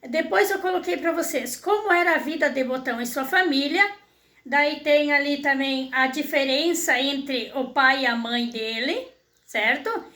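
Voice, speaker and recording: Walking her students through exercises with patience, this teacher keeps checking in on them. She's a woman with a Brazilian Portuguese accent and a high-sitting, pushed, bright voice, recorded with a roomy sound.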